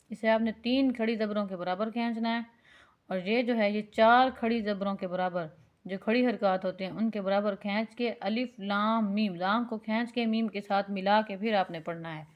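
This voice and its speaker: Clear-voiced woman teaching Quran recitation. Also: medium pitch, dull audio. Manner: alternates slow drawn-out recitation with quick explanation; patient, instructive. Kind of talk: recitation lesson for beginners.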